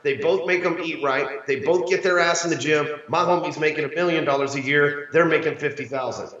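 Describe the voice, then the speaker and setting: Male interview guest, slightly high voice, brash and profane, casual slangy delivery, dull roomy recording. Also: a little fast, fairly bright tone, far from the mic. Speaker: sales coach, interview guest.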